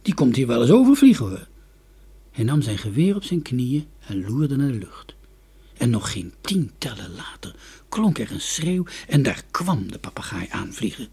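A man reads a children's story aloud with a husky, breathy voice. His delivery is expressive and dramatic, and his pitch rises and falls widely. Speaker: narrator. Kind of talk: storybook reading.

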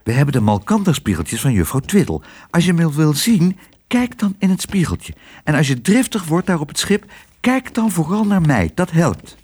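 A man reading a storybook, voicing a brave cheerful little girl in a bright, earnest way. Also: a little high, sing-song, moderate pace, slightly rough, voice pushed up.

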